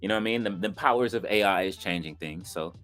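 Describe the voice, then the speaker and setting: A man's voice: low voice, quick pace. Chatty man hosting a stream. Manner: loose and chatty, fillers like "you know what I'm saying"; bursts of excited reaction. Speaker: watch-along stream host. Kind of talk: casual live-stream chat, reading viewer comments.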